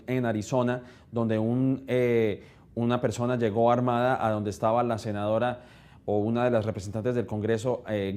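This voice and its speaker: A man, a panel analyst in a live news debate, making a measured, deliberate argument. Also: mid-range voice, a little mellow.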